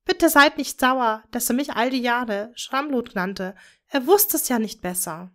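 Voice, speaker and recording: A woman's voice: on the high side, measured pace, sharp tone. Woman reading as a young earnest witch. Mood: gentle.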